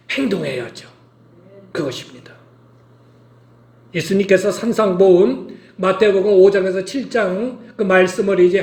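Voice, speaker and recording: A man's voice: high voice, reverberant. A male pastor preaching a sermon, emphatic and urging his listeners to act, repeating his calls.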